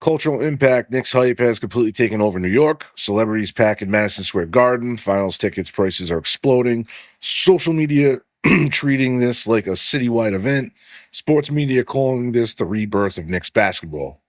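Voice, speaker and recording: This podcast host's voice is medium-pitched and animated, moving at a moderate pace with no echo and clean studio sound. On his casual sports show he's loose and profane, packs in fillers like "like," and reads off stats.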